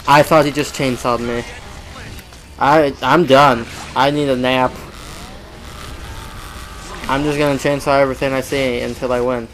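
A man giving casual let's-play commentary on a shooter game, excitable and self-mocking, talking to the game and repeating words in bursts. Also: mid-range voice, slight background noise, low-quality recording. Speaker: gamer playing a shooter game.

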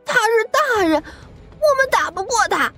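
A man voicing a timid, terrified young village boy in a horror audiobook, in a shrill falsetto that stammers and sobs. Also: very animated, a little slow, bright, forceful tone, soft background music, exaggerated voice.

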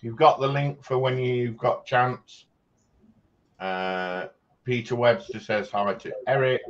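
Taking it slowly, a male livestream host with a medium-pitched voice and fairly even intonation casually reads out comments and trades jokes with chat, laughing frequently. Faint background noise sits under slightly dull sound.

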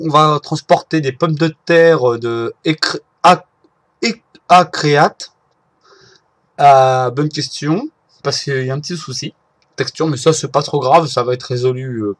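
Hesitant man narrating his driving game. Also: medium pitch. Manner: hesitant, halting, often restarts and apologizes; talks to viewers while driving in a game. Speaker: gameplay video maker. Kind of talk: casual gameplay commentary.

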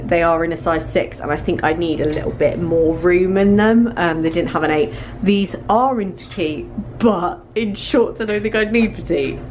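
With a fairly low voice, a young adult British fashion vlogger chats to her handheld camera inside a small shop's fitting room, trying on clothes and repeating words to emphasize them. A little hiss or hum runs through the recording.

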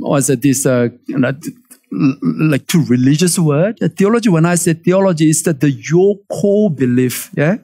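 A male pastor preaching a sermon in a conversational way, checking in with his listeners and searching for words as he goes. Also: a little high. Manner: animated, frequent "yeah?" check-ins and fillers.

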